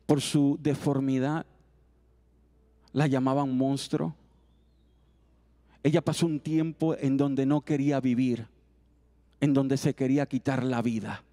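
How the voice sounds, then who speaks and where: A man's voice: medium pitch, steady tone, takes it slowly, long pauses, dark tone. A man preaching a youth service sermon. He repeats his exhortations in an earnest, rising cadence.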